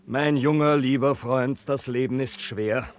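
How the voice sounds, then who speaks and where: An actor playing a pompous, impoverished middle-aged gentleman who speaks in flowery, long-winded phrases in an old radio play. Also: mid-range voice, fairly even intonation, unhurried, natural voice. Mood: weary, grandiloquent. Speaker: Mr Micawber. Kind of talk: 1950s radio play acting.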